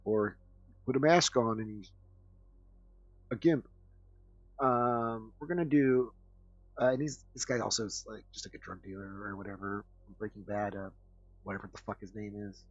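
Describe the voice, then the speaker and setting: A man's voice: on the low side, normal speed, long pauses, husky. A man hosting a podcast, riffing through crude, rambling comedic commentary full of fillers. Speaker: podcast host. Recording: dull lo-fi dry recording.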